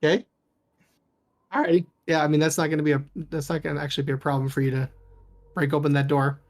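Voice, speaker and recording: A man's voice: a little high, level tone, fast talker. Casual man running a tabletop game. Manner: casual, rambling, with many fillers. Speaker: game master.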